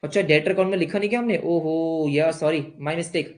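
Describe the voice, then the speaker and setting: A man's voice: on the high side, a little fast, darkish tone. Playful Indian man teaching accounts. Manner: playful teacher who answers his own questions in a student's voice. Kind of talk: online class lesson.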